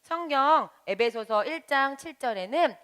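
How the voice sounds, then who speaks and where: A woman as a Sunday school teacher, gently explaining a Bible story to children and asking them questions. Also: high-pitched, lively intonation, unhurried. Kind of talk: children's Bible lesson narration.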